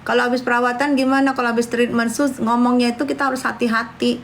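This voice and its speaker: A woman's voice: on the high side, flat delivery, fast, slight background noise. A woman, chatting brashly and scornfully on a livestream, calling her viewers darling. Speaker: livestream host. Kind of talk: casual livestream chat with viewers.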